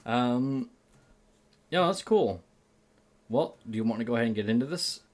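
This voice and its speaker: A man's voice: medium pitch, expressive, moderate pace. A man co-hosting a podcast, talking in a laid-back, chatty way with frequent fillers. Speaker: podcast co-host. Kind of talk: casual chat.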